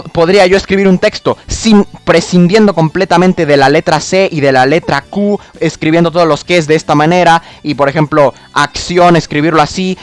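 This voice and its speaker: A man ranting about spelling rules, exasperated, mocking and full of swearing. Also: high-pitched. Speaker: video creator. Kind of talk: explanatory rant.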